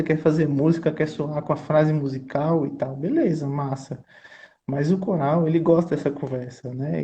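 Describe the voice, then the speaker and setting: A man's voice: fairly high pitch, mellow, highs cut off. A man, a choir conductor and composer, explaining his craft in an earnest, teacherly way and often checking in with his listener. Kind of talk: explanatory conversation.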